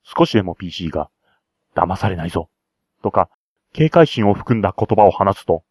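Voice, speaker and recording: A man's voice: low voice, big pitch swings, fairly quick, a little mellow, dry recording, clean studio sound. A man acting as game master, narrating a tabletop role-play scenario with chatty, enthusiastic side remarks.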